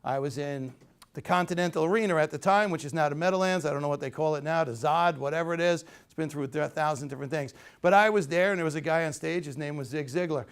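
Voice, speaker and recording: Energetic man coaching a workshop. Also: on the high side, fast talker, smooth. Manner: energetic, coaching, leads the group in call-and-response; demonstrative, acts out postures and tones. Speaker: public speaking trainer. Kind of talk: live workshop teaching.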